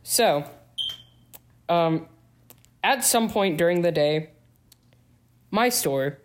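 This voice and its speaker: A man co-hosting a podcast, telling work stories in a wry, deadpan way during casual chat. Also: a little high, drawn-out words. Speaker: podcast co-host.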